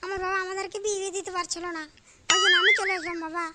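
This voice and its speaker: A woman's voice: very high voice, flat delivery, quick pace, over loud music. A woman voicing a poor, timid young bride in a comic cartoon, pleading and apologetic.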